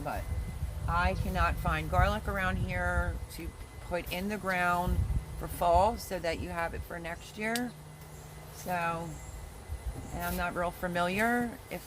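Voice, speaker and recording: On a livestream, a laid-back gardening host reads viewer comments out loud and teases the people who wrote them. His voice is pitched in the middle range, with a constant hiss and the sound of passing traffic beneath his chatty banter.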